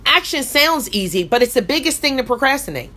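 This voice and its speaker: Animated high-voiced woman giving a motivational speech. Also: fairly quick. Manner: emphatic, exhorting, repetitive refrains. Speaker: motivational coach and show host.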